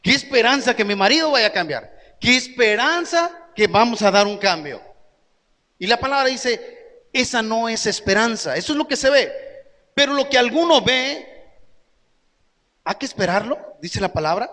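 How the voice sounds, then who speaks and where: A male pastor preaching an emphatic sermon, his voice swinging suddenly up and down in pitch. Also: animated, normal speed, long pauses, pushed and bright. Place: church hall. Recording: echoey church hall.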